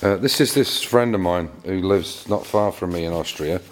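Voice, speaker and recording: A middle-aged man from England, English-accented and low-voiced, chats at a moderate pace about his car work with many fillers and repeated words. It's a casual workshop vlog by a car restorer vlogger, captured in an echoey garage workshop with faint noise.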